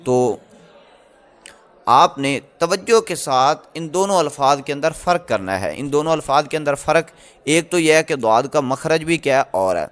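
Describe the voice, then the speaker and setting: A man teaching tajweed in a recorded lecture, explaining slowly with many pauses and fillers and sounding out letters again and again. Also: a little high, animated. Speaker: Quran recitation teacher.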